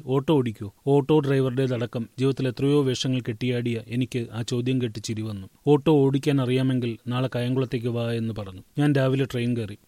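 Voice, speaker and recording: A man giving a steady, measured read-aloud of a newspaper feature interview. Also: medium pitch, no echo. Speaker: newspaper article reader.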